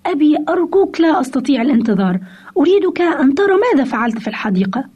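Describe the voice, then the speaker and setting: A woman's voice: high voice, big pitch swings, fairly quick, dark tone. Woman voicing a begging little boy. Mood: pleading. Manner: begging, insistent. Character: pleading three-year-old boy wanting attention. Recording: dull lo-fi radio recording.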